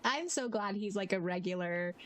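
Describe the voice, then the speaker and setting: A woman's voice: medium pitch, expressive, normal speed, a bit bright, rough recording. Giggly woman podcast co-host. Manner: giggly, reads quotes aloud with small voice shifts. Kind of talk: casual podcast chat reading listener comments.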